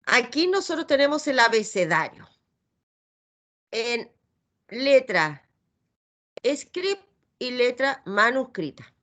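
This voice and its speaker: A woman's voice: a little high, big pitch swings, slow pace, long pauses, a bit bright. A middle-aged woman with a Chilean accent teaching a reading lesson, patiently sounding out letters and syllables. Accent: Chilean Spanish.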